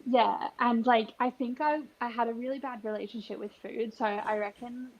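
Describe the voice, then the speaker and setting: A woman's voice: on the high side, steady tone, normal speed, dull audio. A woman in her twenties co-hosting a podcast, talking candidly and casually with frequent agreeing responses. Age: 20s. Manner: candid, frank, eager backchannels. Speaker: podcast co-host. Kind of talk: casual chat.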